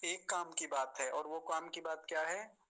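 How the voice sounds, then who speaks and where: Bright-voiced man carefully teaching pronunciation. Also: fairly high pitch, steady tone, rough recording. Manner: slows down to spell out syllables, repeating words carefully; patient, polite, addresses students respectfully. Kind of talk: online pronunciation lesson.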